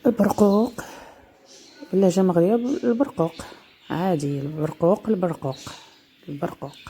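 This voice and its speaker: A woman teaches vocabulary slowly, repeating each word several times. Her voice is low and mellow. A faint hiss of background noise sits under the recording. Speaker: dialect teacher. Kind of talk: slow vocabulary lesson with repetition.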